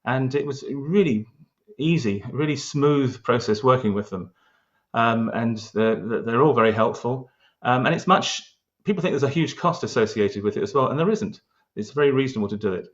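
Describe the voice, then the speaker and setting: In an interview, a man from London discusses local history with real earnestness, pausing and restarting often. He's an award-winning local historian with a medium-pitched voice and a moderate pace. The recording has its high frequencies cut off.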